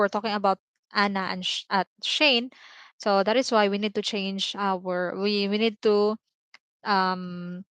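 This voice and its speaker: A woman with a Filipino accent teaches a livestream language lesson, explaining patiently and repeating each example. Her voice is smooth and clear, recorded close and dry with no room echo. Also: medium pitch, fairly bright tone. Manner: explains slowly, repeating examples, many "no" and "okay" tags. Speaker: Tagalog teacher.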